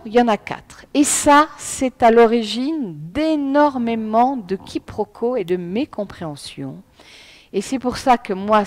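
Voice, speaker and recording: Middle-aged woman, public lecturer, high-ish voice that swings widely, emphatic and direct with the room. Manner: lively, emphatic, addresses the audience directly. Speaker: lecturer on Chinese writing. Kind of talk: live public talk.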